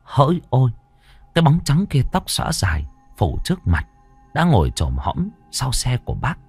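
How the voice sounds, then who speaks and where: A man's voice: mid-range voice, wildly swooping pitch, moderate pace, a little mellow, husky, no echo. A man narrating a ghost story in a dramatic storytelling manner. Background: faint music.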